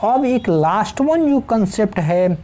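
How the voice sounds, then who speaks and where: A woman teaching an English grammar lesson, explaining slowly, spelling out letters and pausing with fillers. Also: medium pitch, lively intonation, warm tone.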